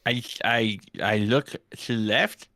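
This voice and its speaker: A man's voice: lowish voice, slow pace, sharp tone, no room sound. A man chatting casually as a player in a tabletop role-playing game.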